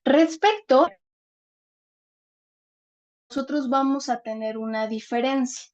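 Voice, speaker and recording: A woman with a fairly high voice gives an online class through a video call. Her audio is choppy and keeps cutting out, so her words come through in broken fragments. She explains patiently and stops to check if her students can hear her. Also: takes it slowly, darkish tone, highs cut off. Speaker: lecturer.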